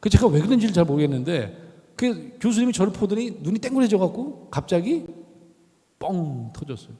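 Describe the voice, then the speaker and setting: Lively middle-aged man lecturing in a hall. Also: high-pitched, brisk. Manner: animated storyteller who acts out quoted voices. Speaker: guest lecturer, professor. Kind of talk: storytelling chapel lecture. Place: large university chapel hall. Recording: long reverb of a large hall.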